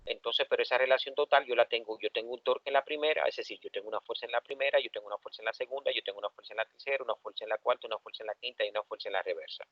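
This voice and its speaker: A male engineering professor with a Dominican accent, giving a lively classroom lecture and asking the students questions. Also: medium pitch, racing, hardly any pauses, no room sound. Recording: dull, dry lo-fi classroom recording.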